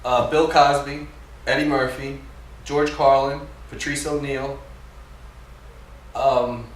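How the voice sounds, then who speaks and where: A man's voice: mid-range voice, little pitch movement, slow pace. A man from New Jersey, a stand-up comedian, talking casually in an interview, chatty with lots of fillers and restarts. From New Jersey, USA. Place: theater. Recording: echoey, distant, noisy theater recording.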